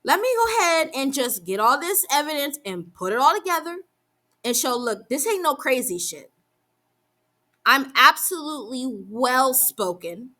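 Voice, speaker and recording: A young woman with a slightly high, sharply bright voice vents to the camera. Her talk is heated and full of profanity. Sentences run on and restart as her thoughts race ahead of her words. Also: sing-song, moderate pace. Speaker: vlogger. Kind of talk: angry venting monologue.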